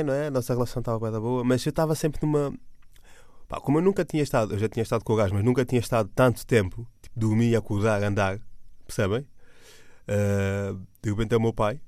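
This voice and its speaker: A man's voice: medium pitch, a little mellow, clear, resonant tone, no room sound, studio quality. A man with a European Portuguese accent, a comedian telling a rambling story in casual slang, full of restarts and fillers. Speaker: stand-up comedian.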